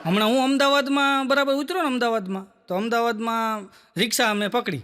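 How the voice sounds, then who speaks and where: A man telling stand-up jokes as a chatty storyteller, acting out quick bits of dialogue. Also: very high voice, steady tone, sharp tone, clear, resonant tone. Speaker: stand-up comedian. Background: audience laughter.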